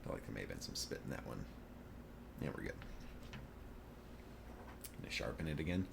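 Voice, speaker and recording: In an ASMR drawing video, a man with a deep voice and some vocal fry chats softly, slow and relaxed, drifting into whispers now and then. Background noise can be heard.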